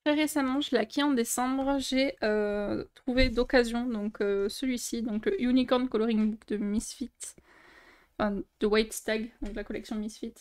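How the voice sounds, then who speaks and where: A woman's voice: a little high, steady tone, moderate pace, a little mellow, clean tone. A young woman, chatting casually in a vlog as she shows her coloring books, with many fillers and restarts. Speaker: coloring book youtuber. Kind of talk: casual show-and-tell vlog.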